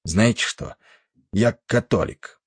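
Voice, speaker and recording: A man voicing a big, coarse, angry ship's stoker with a rough, defiant, scornful manner, in an audiobook. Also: on the low side, expressive, takes it slowly, dry recording, clean studio sound, heavily acted. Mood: gruff.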